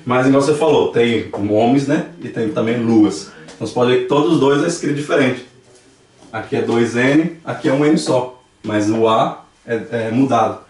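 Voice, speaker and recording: In an echoey church classroom, captured on a distant mic, a man leads a language lesson with patient explanations and repeated spoken examples. His voice is medium-pitched and darkish, moving at a moderate pace, and his accent is Brazilian Portuguese.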